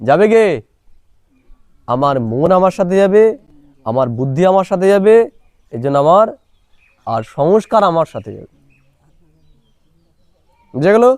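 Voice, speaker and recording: A man with a fairly high voice teaches a meditation class, pausing often to ask his listeners whether they have understood. He speaks into a small clip-on microphone. The sound is dry, with almost no room around it. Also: big pitch swings, a little mellow, dry recording. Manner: asks listeners rhetorical check-in questions. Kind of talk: spiritual class lecture. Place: small room, recorded on a mobile phone.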